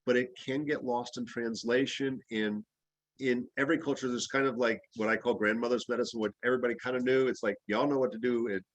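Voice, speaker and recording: A man who grew up in the Bahamas teaches an herbalism class in a loose, rambling, anecdotal style with plenty of fillers, in casual class discussion. His medium-pitched voice is steady and quick, on a rough recording with no room sound.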